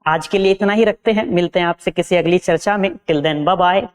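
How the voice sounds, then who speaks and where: A woman's voice: on the low side, steady tone, moderate pace, darkish tone. A woman teaching an exam-prep lesson. She repeats key terms and asks her students rhetorical questions.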